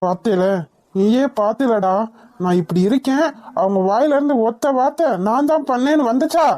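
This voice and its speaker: A woman's voice: fairly high pitch, normal speed, warm tone, natural voice. A woman voicing a bitter, grieving young man in a cartoon, resentful and angry. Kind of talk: cartoon voice acting.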